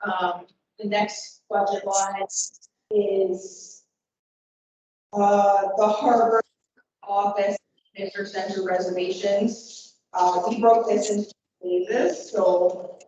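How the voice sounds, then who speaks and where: A woman presenting at a meeting over a garbled, unclear call line, halting with many ums. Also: medium pitch, little pitch movement, warm tone. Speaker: harbor staff presenting a budget. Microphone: remote call. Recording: echoey, distant, muffled, noisy call line.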